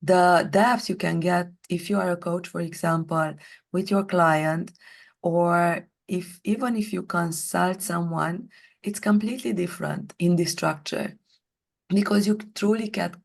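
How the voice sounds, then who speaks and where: A woman guest on an interview podcast, talking slowly and deliberately through a hoarse, partly lost voice. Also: lowish voice, steady tone. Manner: deliberate, slow careful delivery. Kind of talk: conversational interview.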